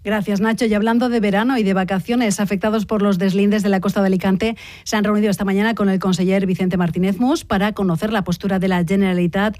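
A woman anchoring a radio news bulletin, reading the script in a brisk, steady newsreader manner. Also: mid-range voice, no echo, studio quality.

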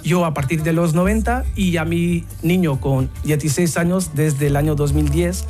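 A man's voice: fairly high pitch, normal speed, darkish tone, faint music behind. Portuguese-accented man, hesitant speech. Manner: hesitant, searching for words. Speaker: musician guest. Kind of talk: radio interview.

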